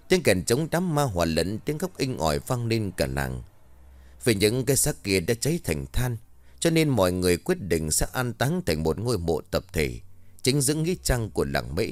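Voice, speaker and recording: Dramatic low-voiced man narrating horror. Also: dry recording. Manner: lively storytelling with dramatic pitch swings. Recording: dry close mic with faint music bed.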